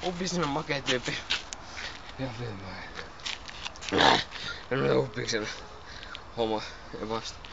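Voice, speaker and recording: A drunk young man rambling, slurring and cursing constantly, with sudden shouted outbursts, filmed casually by a friend. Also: mid-range voice, lively intonation, vocal fry, long pauses, far from the mic. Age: young adult. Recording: lo-fi noisy home video.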